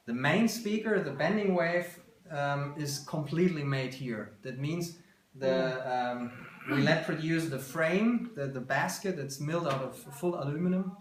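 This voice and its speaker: Showing visitors around his small indoor workshop, the thirtysomething founder talks at a measured pace with few pauses in a voice on the high side. He has a German accent, explains things informally, and often searches for words. The roomy handheld video, filmed from a couple of metres away, picks up background noise and clicks.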